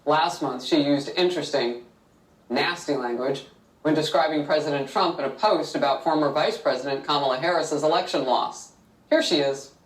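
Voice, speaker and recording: A news anchor introducing cable news stories in a measured, pointed delivery. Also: male voice, on the high side, reverberant, far from the mic, rough recording.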